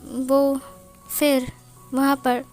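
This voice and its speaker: A stammering, indignant young man, as a woman storyteller puts him on. The voice sits high and light, with faint music underneath. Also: monotone, drawn-out words, a little mellow. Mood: flustered. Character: young man, heartbroken, angrily cutting off a friend.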